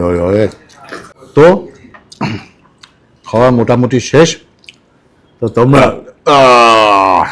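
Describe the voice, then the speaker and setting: A man chatting casually at a restaurant table as a food vlogger, repeating dish names and checking in with viewers. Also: mid-range voice. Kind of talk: casual food vlog chat.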